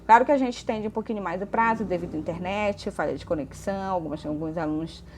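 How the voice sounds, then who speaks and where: A woman's voice: lowish voice, a little mellow, slight background noise. A woman English teacher with a Brazilian Portuguese accent, explaining grammar in a remote lesson and checking in often with "ok?" and "tá?". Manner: slows down to read English examples aloud.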